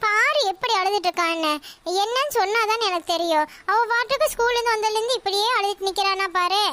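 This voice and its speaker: A woman's voice: extremely high pitch, fast talker, pushed and bright, no room sound. Cartoon brief: fretful village mother, voiced by a woman, Tirunelveli Tamil accent, pleading tone. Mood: coaxing.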